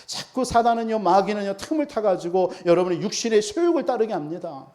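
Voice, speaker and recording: A man's voice: sits high, big pitch swings, fairly quick, a little mellow. A man preaching a sermon as pastor, emphatic and full of rhetorical questions to the congregation.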